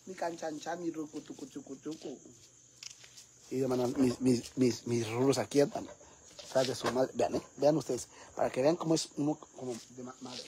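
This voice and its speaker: A man's voice: medium pitch, normal speed, warm tone, slight background noise, natural voice. A man with a Mexican accent playing a brash, foul-mouthed middle-aged woman who gossips with her viewers in a comic vlog. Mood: gossipy. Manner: crude, gossipy, addresses viewers as sisters.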